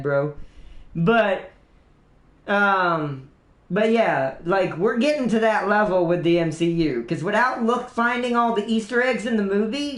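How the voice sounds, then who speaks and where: A young man hosting a casual livestream, rambling chattily about movies with restarts and laughs. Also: high voice. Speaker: livestream host. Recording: roomy echo.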